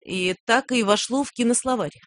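An older woman talking as a guest in a radio studio, explaining things and often pausing on "э". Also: fairly high pitch, dry recording. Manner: explanatory, with frequent "э" hesitations. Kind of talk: radio interview conversation.

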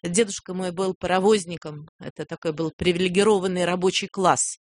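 Older woman, radio guest, explanatory, hesitant pauses, dry close sound. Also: fairly low pitch, fairly even intonation, dry recording. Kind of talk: radio interview conversation. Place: radio studio.

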